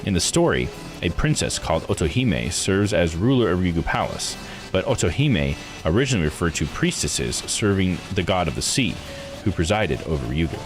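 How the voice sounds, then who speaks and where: His voice sits low and has a sing-song lilt, moving at normal speed. He hosts a live visual novel playthrough, casually reading text aloud and musing to himself, while music plays in the background.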